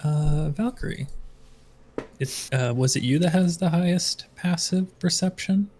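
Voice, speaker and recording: A man running a tabletop game as game master, describing scenes in a halting way with frequent self-corrections. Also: fairly high pitch, a little mellow, slight background noise. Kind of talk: narrating a tabletop game on a live stream.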